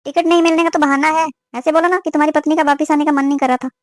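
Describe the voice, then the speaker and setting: A woman's voice: high voice, fairly even intonation, fast talker, dry recording, close to an everyday voice. A woman voicing a suspicious, scolding middle-aged mother-in-law in a cartoon. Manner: scolding, complaining. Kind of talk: cartoon voice acting.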